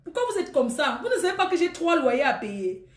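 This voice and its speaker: Brief: woman, high pitch, teasing and scolding live-stream seller, echoey room. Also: big pitch swings, a little fast. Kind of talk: casual live-stream chat with viewers.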